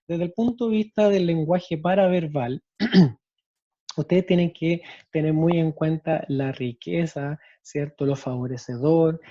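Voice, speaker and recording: A man's voice: on the high side, mellow, dry recording, muffled recording. A male special education teacher with a Chilean accent, giving an explanatory lecture on storytelling and often checking in with tag questions. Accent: Chilean Spanish.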